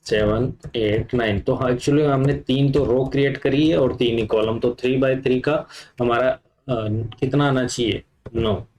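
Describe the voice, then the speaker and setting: A man's voice: mid-range voice, steady tone, unhurried, darkish tone, a little hiss or hum, low-quality recording. Man teaching code while typing. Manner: explains step by step while typing, with fillers. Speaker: computer teacher. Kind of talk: live coding lesson.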